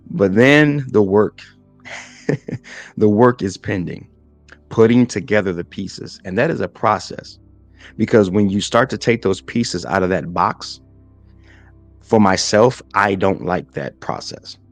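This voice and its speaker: A man's voice: fairly low pitch, expressive, unhurried, pauses often, no echo, soft background music. A man in his forties hosting a podcast, giving a motivational faith talk and often checking in with "right?" as he builds lists. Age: 40s. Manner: repeats "right?" and stacks lists in threes. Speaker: podcast host and minister.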